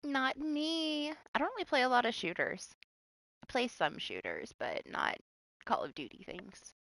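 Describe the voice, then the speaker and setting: A woman's voice: high-pitched, wildly swooping pitch, a little slow, gravelly, a bit bright, no room sound. Chatty woman streaming a game. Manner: chatty, laughs often, swears casually. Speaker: live streamer. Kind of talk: casual gameplay commentary. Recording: background noise.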